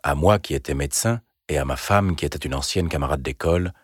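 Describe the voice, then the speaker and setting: A man with an extremely low, husky voice reads a first-person story in a measured, deliberate way. The recording is close and dry, with no room sound. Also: no echo. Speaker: audiobook narrator. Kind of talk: scripted first-person narration.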